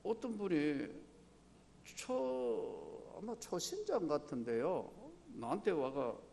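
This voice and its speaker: A man's voice: on the high side, big pitch swings, slow pace, vocal fry, darkish tone, big-room sound, slight background noise. An older man with a Gyeongsang accent, preaching a sermon as an emeritus pastor, emphatic and asking the congregation rhetorical questions. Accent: Gyeongsang Korean. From Daegu, Gyeongsang province, South Korea.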